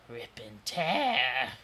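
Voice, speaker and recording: Deep nasal eyeball monster warden, hissy and menacing, half whispers, a guy doing the voice. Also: pushed and bright, exaggerated voice.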